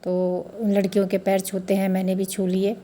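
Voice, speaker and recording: Woman, vlogger from India; chatty explainer, level and mellow. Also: mid-range voice, monotone, moderate pace. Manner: chatty, explains customs step by step. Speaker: family vlogger. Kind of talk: casual vlog narration to viewers. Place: family home during a festival.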